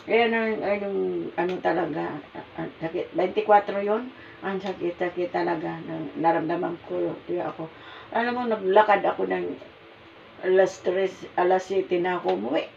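An older woman with a Filipino accent, telling a personal story in a rambling, halting way, often searching for words. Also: fairly low pitch, vocal fry, a little mellow. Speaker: mother telling her story. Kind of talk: casual storytelling. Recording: muffled, distant, with background noise.

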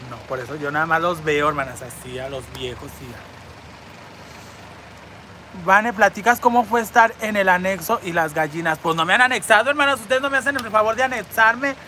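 With a medium pitch, a sharp tone and a fairly quick pace, a Mexican-Spanish-accented woman runs a crude live-stream chat from a city street, talking into her phone over slight background noise. She reads viewer comments and answers them in a brassy, campy, foul-mouthed way.

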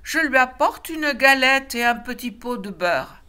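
A woman's voice: high-pitched, expressive, measured pace, pushed and bright, clear, resonant tone, pitched above the performer's own voice, full character voice. Cheeky red-hooded little girl, offhand, voiced by a woman reading aloud.

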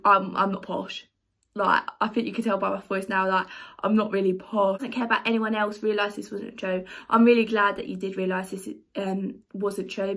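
A woman's voice: medium pitch, a bit bright. A young woman reading viewer comments aloud and answering them in a chatty, blunt, sarcastic way in a casual vlog. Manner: reads comments aloud, then reacts.

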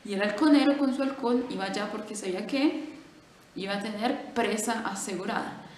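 A woman telling a story in a lively, conversational way, with fillers and restarts. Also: mid-range voice, moderate pace. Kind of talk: casual storytelling. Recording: echoey room with faint noise.

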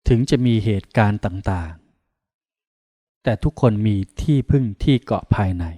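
A man from Thailand, a Buddhist monk, leading a guided meditation in slow, calm, soothing instructions with pauses. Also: fairly low pitch, no room sound.

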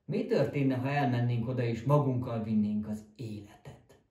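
A man doing an eccentric scientist who loves to lecture and savors every word, in a dark, mellow storybook voice. He sounds roomy and a little distant from the mic. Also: medium pitch, lightly acted. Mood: eager, lecturing. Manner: theatrical, relishing his own lectures. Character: gleeful eccentric male scientist teaching boys.

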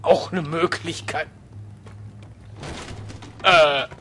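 A man's voice: a little high, steady tone, drawn-out words, a bit bright, a little hiss or hum. A man commentating a video game as he plays, muttering to himself and shrieking when startled. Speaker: let's play gamer.

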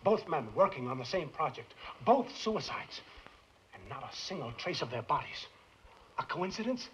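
A man's voice: fairly high pitch, big pitch swings, normal speed, a little hiss or hum. A man playing a frightened, guilt-ridden scientist who stammers and pleads, in 1950s film noir acting. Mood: anxious, pleading. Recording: muffled 1950s film soundtrack.

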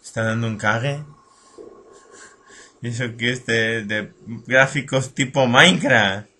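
Jumpy young gamer, bright voice. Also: male voice, mid-range voice, takes it slowly. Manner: jokey, jumpy, sings and shrieks in bursts. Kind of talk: horror game commentary.

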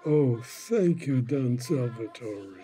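A man playing an aggrieved elderly father in a comedy sketch, with a husky, halting, pleading delivery. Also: medium pitch, lively intonation, mellow. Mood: grateful, gullible. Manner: halting, pleading, dramatically wounded. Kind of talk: comedy sketch acting, mafia parody. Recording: music playing under the voice.

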